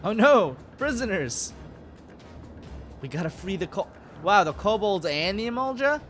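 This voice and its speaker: A man's voice: high-pitched, big pitch swings, unhurried, a bit bright. A man giving casual, wry and slangy commentary as he plays a game. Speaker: game streamer. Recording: game music behind voice.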